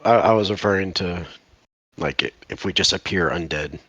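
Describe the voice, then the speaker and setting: A man's voice: deep voice, moderate pace, fairly bright tone, no room sound, lo-fi sound. A man chatting casually as a player in a tabletop game. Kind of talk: casual chat.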